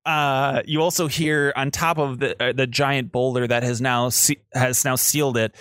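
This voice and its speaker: A man's voice: mid-range voice, clean tone, dry recording. A man narrating as game master in a casual, rambling way with fillers.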